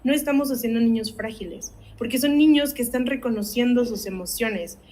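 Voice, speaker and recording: A woman's voice: fairly high pitch, a little fast, mellow, rough recording. Earnest woman teaching parents. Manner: earnest, asks the audience rhetorical questions, tags with "¿no?". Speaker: academic coordinator leading a parenting workshop. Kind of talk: parenting workshop talk.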